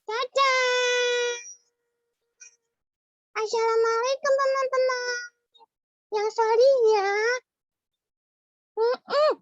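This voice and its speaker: A woman voicing a cheeky little child sidekick in a children's storytelling show, squeaky and playful. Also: no room sound. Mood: sweet farewell. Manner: squeaky, playful, interrupts with jokes. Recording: slightly muffled, dry sound.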